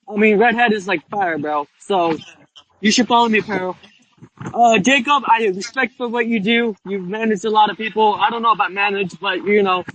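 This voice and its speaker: A man's voice: high-pitched, fairly bright tone, low-quality recording. A man in casual online banter with a pleading manner, often addressing others as bro. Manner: pleading, repeatedly says bro.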